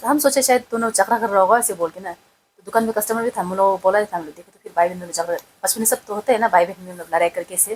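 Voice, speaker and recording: A woman's voice: mid-range voice, slight background noise, low-quality recording. A woman recounting a family accident in a rambling, emotional way, full of fillers. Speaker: wife of the vlogger. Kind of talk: casual storytelling.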